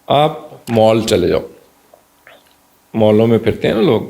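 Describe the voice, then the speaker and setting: Doctor guy, gravelly voice, animated, throws in english bits. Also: fairly low pitch. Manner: animated, slips into Punjabi and English phrases. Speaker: pediatrician guest. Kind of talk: conversational explanation.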